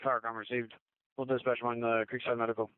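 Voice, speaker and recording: Male radio voice, police radio manner. Brisk, clipped, procedural, narrow phone-like band. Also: medium pitch, little pitch movement, clean tone, no echo. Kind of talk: emergency radio traffic, like police radio. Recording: thin phone-like radio channel.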